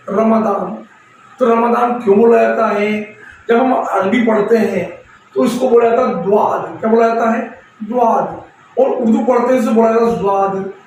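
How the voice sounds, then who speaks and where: A man's voice: high voice, a little mellow, a little hiss or hum. A man teaching a step-by-step script lesson, patiently explaining, repeating letters and asking questions he answers himself. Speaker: Urdu teacher. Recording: very echoey room from far off.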